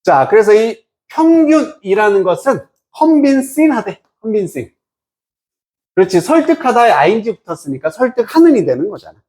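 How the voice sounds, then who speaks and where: A man teaching an English reading lesson, asking and answering his own questions and drawing out English words slowly. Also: high voice, sing-song, a little mellow. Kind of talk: lecture.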